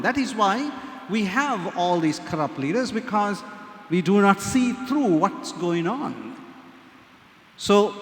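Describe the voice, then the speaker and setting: A man, a priest reading the gospel and preaching in slow, measured, solemn phrases, his voice ringing in a cathedral echo. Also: high voice, fairly bright tone. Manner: slow, measured, solemn delivery with emphatic pauses. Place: large church. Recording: long echoey reverb of a large church.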